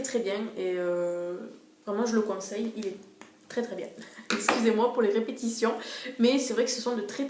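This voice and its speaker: A woman's voice: mid-range voice, a little mellow. A young woman reviewing her favorite beauty products in a casual, hesitant way, full of fillers and repeated words, recorded in a room at home. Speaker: beauty vlogger. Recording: echoey room, faint noise.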